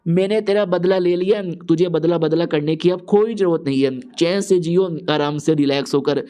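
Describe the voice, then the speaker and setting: A man's voice: on the high side, normal speed, dark tone, smooth, lightly acted. A man voicing a blustering male cultivator hero in a comic story recap, in loose joking banter. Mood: offhand.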